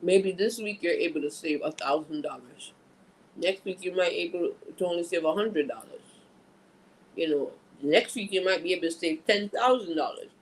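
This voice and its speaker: A man's voice: high voice, moderate pace, poor audio. A man in a casual vlog chat, talking bluntly and in a laid-back way while chewing food, swearing freely. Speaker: vlogger.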